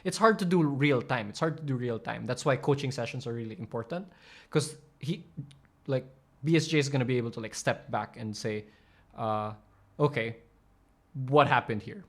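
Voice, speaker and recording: A channel host explains coaching in casual commentary over a video, rambling at a normal speed and constantly stopping and restarting mid-sentence. He fills the gaps with "um" and "like," his pitch neither high nor low, and seems to be thinking out loud as he goes.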